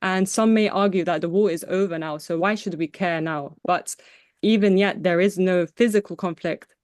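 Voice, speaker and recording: Earnest woman with a smooth, clear voice. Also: fairly low pitch, normal speed, no echo, studio quality. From Afghanistan. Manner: earnest, steady, with small restarts. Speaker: magazine founder, panel guest. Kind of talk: prepared webinar remarks. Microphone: video call.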